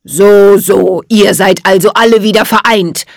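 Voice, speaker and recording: A spiteful winter sorcerer from a children's storybook speaks in a cold, cutting rasp, as a woman puts him on. His menace is icy rather than loud. The recording is close and dry. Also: medium pitch, steady tone, a little slow, no room sound. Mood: scornful. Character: cold, sneering evil male winter sorcerer.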